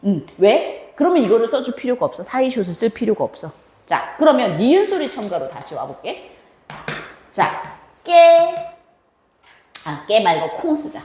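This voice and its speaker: Lively-voiced woman teaching grammar. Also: medium pitch, echoey room, a little hiss or hum. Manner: asks and answers her own questions in a chatty, drawn-out teaching tone. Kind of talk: classroom lecture.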